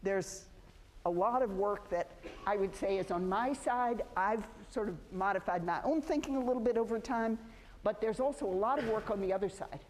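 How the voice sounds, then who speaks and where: A woman's voice: mid-range voice, darkish tone, a little hiss or hum. Woman lecturing in an echoey hall. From United States. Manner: conversational, self-correcting, with frequent restarts. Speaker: sociology professor. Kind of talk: university lecture.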